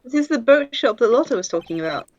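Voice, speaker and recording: Woman co-hosting a game playthrough, playful, highish voice, dull lo-fi mic. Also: expressive, quick pace, crowd noise. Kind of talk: casual playful chat and reading game lines. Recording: dull, band-limited mic.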